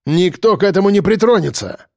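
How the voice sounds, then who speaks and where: A man voicing a blunt male prisoner who growls and shouts. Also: a little high, animated, a little slow, gravelly, no echo, studio quality, heavily acted. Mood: gruff. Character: gruff, blunt middle-aged man prisoner.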